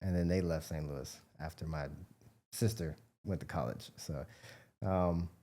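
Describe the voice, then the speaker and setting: Speaking a little slowly in a low, dark voice with fairly even intonation, an American man from the Midwest answers questions as an interview guest. A biomedical researcher and entrepreneur, he keeps things casual and rambles informally.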